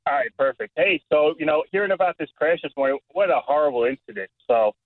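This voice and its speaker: A man calling into a show on a speakerphone, telling his story in a rambling, halting way. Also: on the high side, expressive, no room sound. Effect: speakerphone call. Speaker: caller. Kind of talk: casual call-in chat. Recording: tinny dry phone line.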